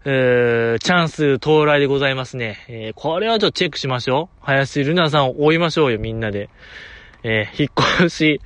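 A man with a Kansai accent hosts a solo show, running through fan gossip in an eager, chatty way and chuckling as he goes. His voice sits a little on the high side, and the sound is close and dry with no room around it. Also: a bit bright, dry recording. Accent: Kansai Japanese. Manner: chatty, enthusiastic fan banter with frequent chuckles. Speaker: podcast host.

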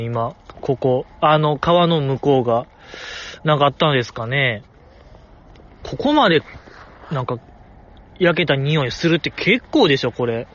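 Animated Kansai man talking outdoors. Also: fairly high pitch, dull audio. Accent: Kansai Japanese. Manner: animated, playful, acts out quoted lines. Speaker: host reviewing voice performances. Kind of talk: casual solo talk. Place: outdoors in the cold.

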